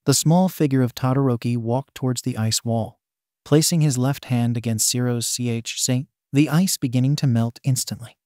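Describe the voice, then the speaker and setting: A man narrating a fan fiction story aloud in a steady, even reading style. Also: medium pitch, moderate pace, no room sound, studio quality.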